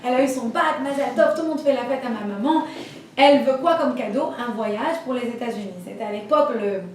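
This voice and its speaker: A woman teaching a religious class, telling stories in a lively way and acting out the voices of the people in them. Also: a little high, fairly quick, a little hiss or hum. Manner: lively storytelling, acts out voices. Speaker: Torah teacher. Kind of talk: storytelling class. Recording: echoey room, voice from far off.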